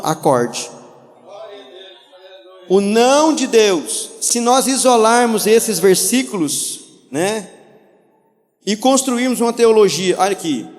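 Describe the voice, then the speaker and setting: Animated preacher, man, higher voice, storytelling style, reverberant hall. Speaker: pastor. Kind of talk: lively sermon with anecdotes.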